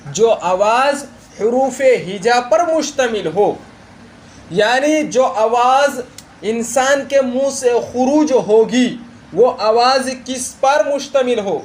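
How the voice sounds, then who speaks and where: A male teacher with a very high voice leads a classroom lesson at an unhurried pace. He stops often to quiz his students and repeats each term. A faint hiss sits under the recording. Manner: slow, repeats key terms and asks the students questions. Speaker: religious teacher. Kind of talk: classroom lesson on Arabic grammar.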